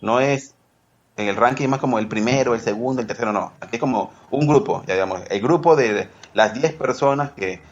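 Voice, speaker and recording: A man's voice: medium pitch, fairly quick, dull audio. A man from Peru, a podcast guest who rambles, corrects himself and laughs easily. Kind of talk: casual podcast interview.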